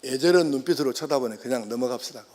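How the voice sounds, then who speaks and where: A man's voice: mid-range voice, fast, a little mellow, a little hiss or hum. A man preaching a sermon as pastor, blunt and colloquial, putting questions straight to the congregation.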